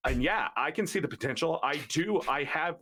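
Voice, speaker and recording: A man on a podcast, earnestly talking through his view in a reflective, steady way. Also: fairly high pitch, moderate pace, slight background noise. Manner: earnest, reflective, building an argument. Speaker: podcast guest. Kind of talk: casual podcast discussion.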